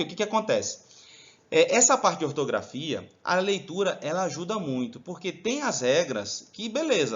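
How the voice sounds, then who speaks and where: A man's voice: on the high side, a bit bright. A man teaching a lesson, chatty and addressing his students directly with frequent check-ins. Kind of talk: lively classroom video lesson. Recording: dull lo-fi recording.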